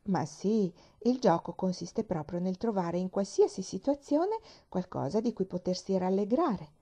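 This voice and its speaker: A woman's voice: medium pitch, animated, measured pace, mellow, husky. A woman doing an eager, earnest little girl. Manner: eager, sincere. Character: cheerful, earnest young girl.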